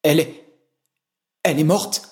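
A woman's voice: sits low, steady tone, unhurried, a little mellow, voice pushed down. A woman voicing a terrified captive man. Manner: pleading, panicked questions. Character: terrified bound middle-aged man pleading.

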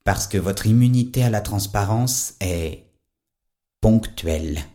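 An actor playing a calm, patient private detective in an audio drama. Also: male voice, lowish voice, takes it slowly. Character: odd private detective, calm, faintly sad man.

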